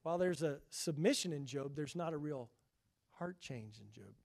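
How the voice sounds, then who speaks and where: A middle-aged pastor with a high voice for a man preaches earnestly, his gravelly voice rising when he quotes scripture and dropping for asides. His intonation is lively and his speed normal.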